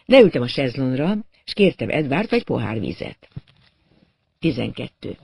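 A man narrating a first-person detective story in an expressive, wry audiobook reading. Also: mid-range voice, creaky, slightly rough.

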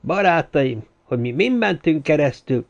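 A male narrator voicing a jovial, overjoyed grown man who exclaims in excitement. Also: on the high side, gravelly, muffled recording, voice pushed up.

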